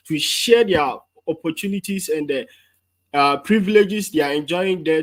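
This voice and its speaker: Upbeat male live-stream host. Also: a little high. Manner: upbeat, fond of "wow" and "so powerful".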